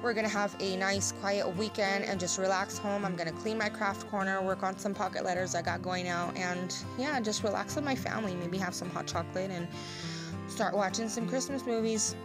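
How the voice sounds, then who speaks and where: A woman with a raspy voice, chatting in a rambling, friendly way straight to her viewers in a casual haul video. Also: mid-range voice, fairly even intonation, a little fast, loud music behind the voice. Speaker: haul vlogger.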